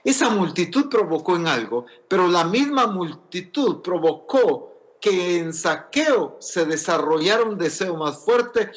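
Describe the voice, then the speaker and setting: A man's voice: fairly high pitch, a bit bright. A man preaching a sermon in church, earnest and explanatory, asking rhetorical questions.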